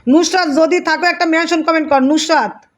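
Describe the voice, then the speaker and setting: High-voiced woman reading live comments. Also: fairly even intonation, brisk. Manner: greets viewers by name and thanks them over and over. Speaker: live stream host.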